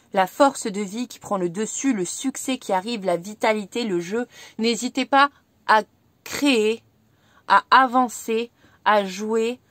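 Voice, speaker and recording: Tarot reader, a French woman, gentle and reassuring, medium voice, dry recording. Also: mid-range voice, no echo. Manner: gentle, reassuring, repeats herself. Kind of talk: tarot reading video.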